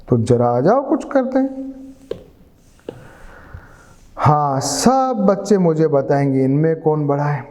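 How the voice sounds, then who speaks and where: A man's voice: fairly high pitch, warm tone, in a large hall. A man teaching a maths lesson, patiently coaxing pupils with questions. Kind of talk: classroom lesson.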